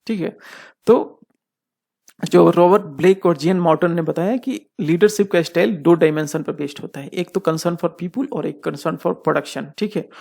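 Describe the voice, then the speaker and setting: Gravelly-voiced male lecturer. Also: a little high, moderate pace, darkish tone. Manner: poses questions and answers them himself; checks in often with the class. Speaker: teacher. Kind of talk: explanatory lecture.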